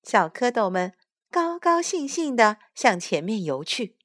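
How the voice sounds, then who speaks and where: A woman reading a children's story aloud to her child, expressive and unhurried. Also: a little high, no room sound, studio quality. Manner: expressive, slow storybook telling. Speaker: storyteller mother.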